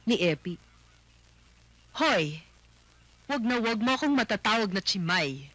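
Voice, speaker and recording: A woman's voice: mid-range voice, very animated, a little slow, fairly bright tone, no room sound. An actress playing a feisty woman friend who cooks for a man and stands up to his wife. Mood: defiant. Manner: teasing, then defiant.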